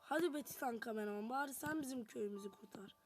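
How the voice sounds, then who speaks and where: A gameplay narrator speaks fast in a fairly high voice, chatting directly to her viewers as she plays. Music plays in the background, and the recording is rough.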